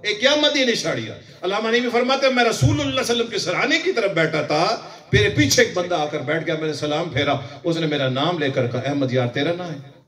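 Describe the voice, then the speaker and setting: A man preaches a sermon, telling stories in a folksy way and regularly asking the crowd whether they follow. His voice sits high for a man and carries a lot of room echo. He sounds some distance from the microphone. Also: animated, a bit bright. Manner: folksy, mixes Punjabi phrases, asks listeners if they understand. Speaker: religious preacher. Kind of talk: sermon with storytelling.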